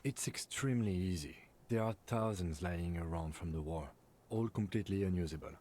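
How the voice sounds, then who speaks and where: A man voicing a calm, reserved police lieutenant in a video game, speaking in a dry, precise, deadpan way. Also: sits low, a little fast, slight background noise, lightly acted. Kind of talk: game voice acting.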